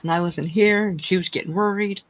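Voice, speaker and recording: A woman's voice: on the low side, fairly even intonation, a little fast, no room sound, dull audio. A woman hosting a casual crochet livestream, chatting in a rambling way, speaking without her teeth in. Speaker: host of a crochet chat livestream.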